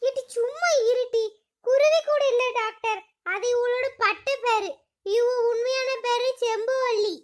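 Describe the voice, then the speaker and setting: A woman putting on a fussy cartoon big sister who chatters and scolds in a very high, squeaky pitch. She rattles off her lines quickly. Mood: fretting. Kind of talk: cartoon comedy voice acting.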